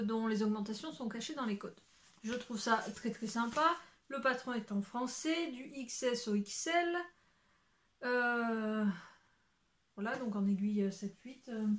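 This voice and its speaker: A young woman chatting casually at home about her knitting, rambling with many fillers and self-corrections. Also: on the high side. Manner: occasional swearing, then apologizing. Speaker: knitting podcaster. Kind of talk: casual chat showing knitting to camera. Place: at home in front of shelves.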